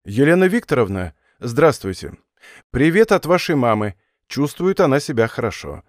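A man's voice: medium pitch, very animated, normal speed, no room sound, studio quality, natural voice. A man reading an audiobook voices a curt, irritable male spy posing as a captain, talking dismissively.

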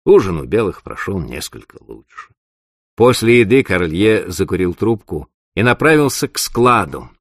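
A man narrating an audiobook with an expressive, dramatic reading. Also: sits low, moderate pace, dry recording, studio quality.

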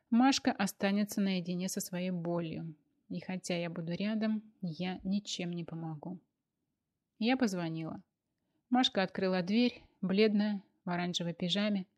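A young woman narrates a dramatic first-person story quietly and intimately. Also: fairly low pitch.

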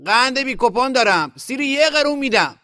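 A man voicing a brash street beet vendor who hawks his goods loudly. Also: fairly high pitch, big pitch swings, no room sound, clean studio sound, voice pushed up. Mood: hawking. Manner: loud hawking, brash.

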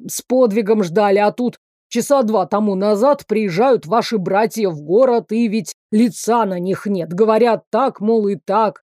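A woman's voice: mid-range voice, warm tone, dry recording, studio quality, lightly acted. Woman doing a whining, wailing palace guard. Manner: whining, wailing, slow drawn-out pleading. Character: timid hungover male palace guard, whining.

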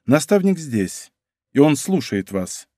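Audiobook role: man reading a stern young nobleman, low-key, icy, measured, dry sound. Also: no echo, heavily acted. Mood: cold. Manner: calm, cold, measured speech. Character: cool, honorable young viscount, controlled and stern. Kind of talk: audiobook character voice.

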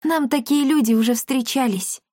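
A woman's voice: sits high, moderate pace, warm tone, no echo, studio quality, pitched above the performer's own voice. A woman voicing a stern, exasperated girl in a storybook reading. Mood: scolding. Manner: scolding, exasperated.

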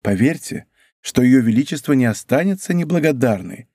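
A male audiobook reader voicing a tender, fearful young woman in a hushed, worried tone. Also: medium pitch, lively intonation, moderate pace, husky, dry recording, studio quality. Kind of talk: audiobook character reading.

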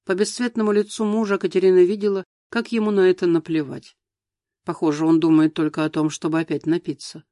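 A man narrating an audiobook in a measured, even storytelling manner. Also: sits high, no echo, studio quality. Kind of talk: scripted narration.

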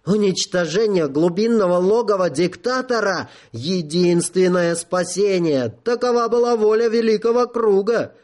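A man voicing a cowardly, pompous general who keeps breaking into a shrill falsetto. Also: normal speed, hardly any pauses, a little mellow, close to an everyday voice. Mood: insistent. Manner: frantic, insistent.

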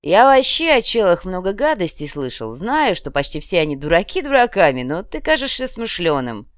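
A woman voicing a short, crude, boastful male red-cap gang boss in an audiobook, talking loud and slangy with a swagger. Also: fairly low pitch, big pitch swings, moderate pace, dry recording, clean studio sound. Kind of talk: audiobook character voice.

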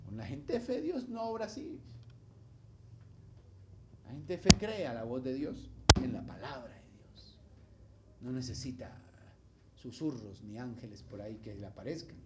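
A man's voice: medium pitch, a little slow, pauses often, very noisy. A man preaching a sermon as pastor, speaking, asking his congregation questions and acting out the voices of the people in his examples. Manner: animated preaching, acts out quoted voices, asks the congregation questions.

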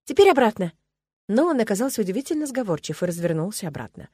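A woman narrating a first-person story for an audiobook in an even, measured way. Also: medium pitch, husky, no echo, clean studio sound.

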